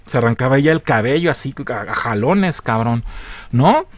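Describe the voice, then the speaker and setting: A man with a Mexican Spanish accent casually recapping a film's plot as a reviewer, in a slangy, profane and animated storytelling manner. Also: mid-range voice, normal speed, no echo. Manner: animated, jumpy delivery. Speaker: film reviewer.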